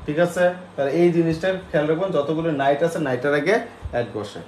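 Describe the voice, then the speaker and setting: A man's voice: on the high side, fairly even intonation, brisk, darkish tone, slight background noise. A male English teacher, giving a classroom lecture and drilling students with repeated questions. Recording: echoey classroom with faint ambience.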